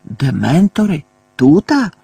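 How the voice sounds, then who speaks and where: Brief: male reader as a scruffy cowardly crook, husky, stammering, whiny. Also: fairly high pitch, big pitch swings, slow, dark tone, dry recording, voice pushed up, full character voice. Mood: baffled. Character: shifty, cowardly petty thief, scruffy middle-aged man.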